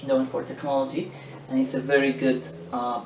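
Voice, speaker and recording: A man's voice: medium pitch, little pitch movement, brisk. A man from Morocco in his thirties, a guest answering interview questions in a thoughtful way with frequent restarts. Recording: echoey room, mic at a distance, background noise.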